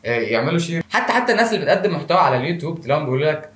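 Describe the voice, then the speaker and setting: A man's voice: fairly high pitch, sing-song, very fast, a bit bright. A man with an Egyptian accent delivering a jokey comic monologue to a phone camera, with self-mocking asides. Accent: Egyptian Arabic. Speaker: comedy show host. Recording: roomy echo.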